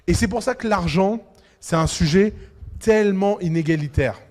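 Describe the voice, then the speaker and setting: A man with a high voice speaks to an audience with emphatic energy. He fires off rhetorical questions and acts out little dialogues. A long hall reverb hangs after each phrase. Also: normal speed, a little mellow. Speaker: entrepreneur giving a talk. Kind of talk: lively speech to an audience.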